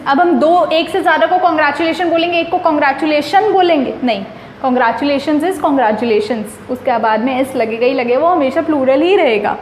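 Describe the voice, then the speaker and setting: A woman's voice: high-pitched, echoey room, slight background noise. A woman teaching English grammar in a chatty, emphatic way, slipping English phrases into her explanations. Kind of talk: casual explanatory lesson.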